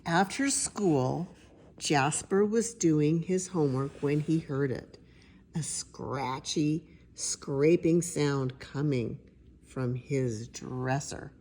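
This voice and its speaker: A woman's voice: deep voice, a little mellow. An older woman with an elderly voice reads a children's picture book aloud, with chatty asides to listeners. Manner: drawn-out, suspenseful phrasing when reading. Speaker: storybook reader. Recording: noticeable background noise.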